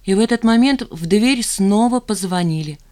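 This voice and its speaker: A reader narrating an audiobook in an even storytelling manner. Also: medium pitch, normal speed, smooth. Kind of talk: scripted narration.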